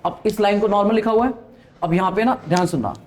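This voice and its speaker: Guy from delhi lecturing a class, high voice, keeps asking okay?. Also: quick pace, crowd noise. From Delhi, India. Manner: quizzes students, keeps checking "okay?". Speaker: accounting teacher. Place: classroom with students.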